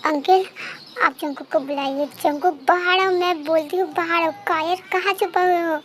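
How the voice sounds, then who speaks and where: A woman voicing a fiercely loyal young woman in a fan-dubbed story, loud, accusing and demanding. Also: extremely high pitch, fairly even intonation, normal speed, a little hiss or hum. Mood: furious. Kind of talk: fan dub story voice acting. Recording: faint background music.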